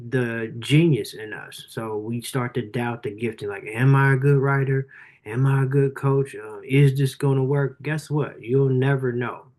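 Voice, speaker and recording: A man in his forties hosting a live book review, speaking casually and earnestly with a motivational tone and plenty of "you know" and "um". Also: medium pitch. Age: 40s. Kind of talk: motivational talk on a livestream.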